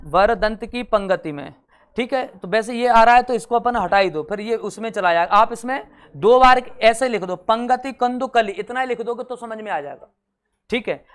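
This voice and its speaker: A man teaching a class, patiently explaining and reading verse examples slowly. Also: extremely high pitch, fairly bright tone. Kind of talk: classroom lesson.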